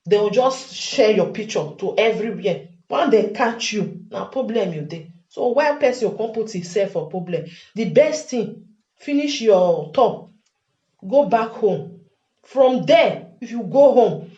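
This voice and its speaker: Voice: medium pitch, a little mellow. An adult with a Nigerian accent speaks Pidgin in an informal, emphatic advice monologue, repeating phrases for stress. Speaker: online commentator addressing fellow Nigerians. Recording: dull lo-fi sound, echoey room.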